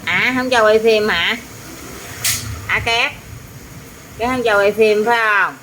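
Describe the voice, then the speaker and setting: A woman with a Southern Vietnamese accent talks casually to her pet parrot, teasing it and asking it questions over and over. Her voice is medium-pitched, unhurried, bright and forceful, with a little hiss or hum.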